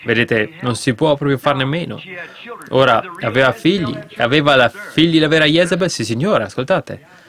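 A man preaching to a congregation in an ordinary mid-range voice. He presses his points with rhetorical questions, pushes up into loud emphatic bursts, then drops into quieter asides. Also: normal speed. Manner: swings between sudden raised bursts and low asides. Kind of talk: sermon.

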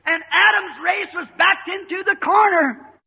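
A man preaching a fiery sermon, emphatic and bursting into shouts, on an old tinny archive recording in a reverberant hall. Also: very high-pitched, slow pace, creaky.

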